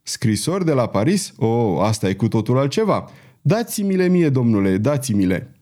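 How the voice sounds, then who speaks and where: A man's voice: mid-range voice, sing-song, dark tone, lightly acted. A man doing an eager royal officer.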